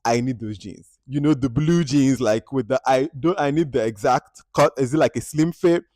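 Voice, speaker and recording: A man from Nigeria, reviewing a film at home in an animated, expressive way, jumping between loud outbursts and quiet asides. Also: mid-range voice, moderate pace, dry recording. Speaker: movie reviewer. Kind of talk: casual movie review vlog.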